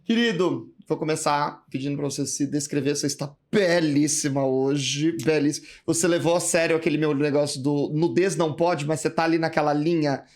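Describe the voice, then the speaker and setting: Effusive higher-voiced male podcast host. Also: brisk, few pauses. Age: 30s. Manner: playful, effusive, flattering. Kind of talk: casual interview.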